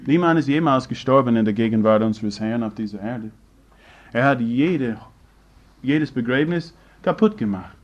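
A man preaching a sermon in slightly broken German, firing rhetorical questions at the congregation and swinging between loud and hushed. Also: mid-range voice, animated, moderate pace, dull audio.

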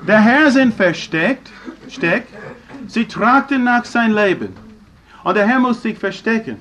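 A man preaching a sermon in slightly broken German, firing rhetorical questions at the congregation and swinging between loud and hushed. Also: sits high, lively intonation, unhurried, a little hiss or hum.

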